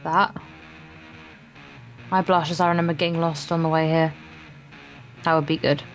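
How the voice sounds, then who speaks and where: In an informal let's play, a guest co-player reads a visual novel's narration aloud in a deep, steady voice at normal speed. She occasionally trips over the words, with guitar music from the game audible behind her.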